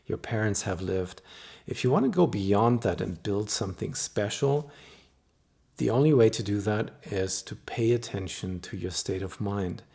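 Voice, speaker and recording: A middle-aged hypnotist, a native German speaker, addresses the camera alone in a calm, explanatory, gently persuasive manner. His voice sits on the lower side and sounds creaky and husky.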